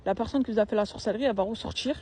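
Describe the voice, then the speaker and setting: A woman's voice: a little high, very fast, dark tone, slight background noise. A young woman, telling a personal story in a casual, slangy, emphatic and repetitive way.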